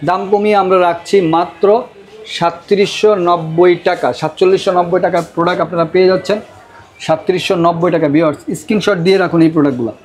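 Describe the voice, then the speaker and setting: A man with a Bangladeshi accent delivering an insistent hard-sell shop pitch, repeating prices and offers. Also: fairly even intonation, fast. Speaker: router seller presenting deals.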